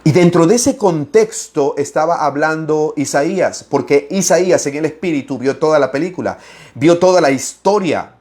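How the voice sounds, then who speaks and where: Fiery, expressive male preacher, fairly high voice. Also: moderate pace. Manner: expressive, raises and lowers his voice, laughs while speaking; acts out opponents' lines in mocking voices. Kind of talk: animated Bible-study preaching.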